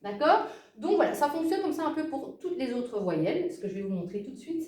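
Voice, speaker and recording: A woman teaching a language lesson in a fairly high voice that rises and falls a great deal. She explains with emphasis and often checks in with her listeners. The room rings noticeably, and she sits some way from the mic. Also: very animated, fairly quick, a little mellow, roomy sound, far from the mic.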